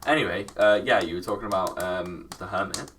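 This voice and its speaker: A man co-hosting a casual podcast chat, excitable and quick to break into silly voice impressions. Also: low voice, distant mic, a little hiss or hum. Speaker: podcast co-host.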